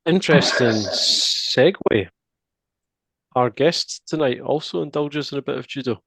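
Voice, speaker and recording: A man's voice: mid-range voice, unhurried, vocal fry, crowd noise, poor audio. A man, co-hosting a podcast in blunt, sweary banter. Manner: blunt, sweary, laughs often. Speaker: podcast co-host. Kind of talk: casual banter.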